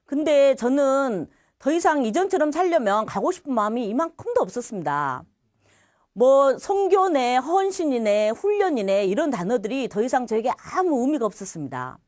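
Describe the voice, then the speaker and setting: Animated Korean woman giving a testimony. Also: sits high, moderate pace, no echo, studio quality. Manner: lively storytelling, acting out quoted voices. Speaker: church testimony speaker. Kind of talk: personal faith testimony.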